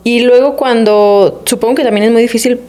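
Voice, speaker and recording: A woman's voice: on the high side, fairly even intonation, brisk, mellow. A woman hosting an interview podcast, asking probing follow-up questions and murmuring agreement as her guest talks. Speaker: podcast host.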